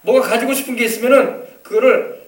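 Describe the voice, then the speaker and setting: Fast, high-voiced Korean pastor preaching. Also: male voice, steady tone, far from the mic. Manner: preaching with call-and-response questions. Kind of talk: sermon. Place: church sanctuary. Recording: echoey church from off-mic.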